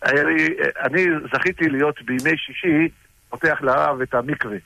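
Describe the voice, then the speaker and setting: A middle-aged man casually recounting personal stories about his rabbi, halting with frequent restarts. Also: on the high side, steady tone, gravelly, bright, forceful tone, poor audio. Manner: halting, with many restarts and fillers. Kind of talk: casual storytelling.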